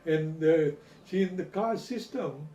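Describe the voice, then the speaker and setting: Guy explaining stuff in an interview, measured and hesitant, warm dark voice, roomy echo. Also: a little high. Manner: halting, measured, academic. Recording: roomy, distant, noisy pickup.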